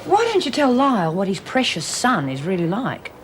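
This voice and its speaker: A woman's voice: medium pitch, huge pitch swings, normal speed. An actress playing a blunt but sympathetic woman prisoner, direct and probing, in a television drama. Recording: clear background noise.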